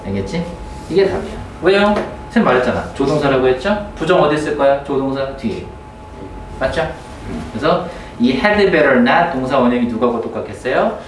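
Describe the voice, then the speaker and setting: A male teacher giving a grammar lecture to a class, often checking in with quick questions. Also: medium pitch, animated, slight background noise. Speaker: English teacher. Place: classroom with students. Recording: roomy classroom, mic at a distance.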